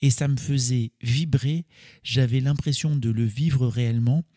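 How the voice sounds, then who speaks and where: A man's voice: mid-range voice, fairly even intonation, moderate pace, mellow, dry recording, clean studio sound. A man hosting a solo coaching podcast, explaining in a casual, chatty way and correcting himself with small laughs. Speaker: podcast host.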